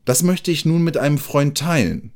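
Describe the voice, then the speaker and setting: A man's voice: a little high, animated, moderate pace, voice pushed up. A man doing a shy, dreamy mole. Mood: earnest. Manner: timid, dreamy, speaks softly and humbly. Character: gentle earnest male mole seeking a friend.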